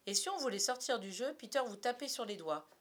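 A woman narrating a storybook aloud, with soft, confiding asides to the listener. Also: fairly high pitch, animated, brisk. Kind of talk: storybook reading.

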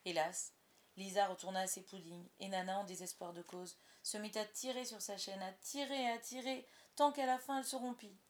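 A woman reads a storybook aloud as the narrator, with an expressive storytelling manner. Her voice sits at a middle pitch for a woman. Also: a little fast. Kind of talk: audiobook narration.

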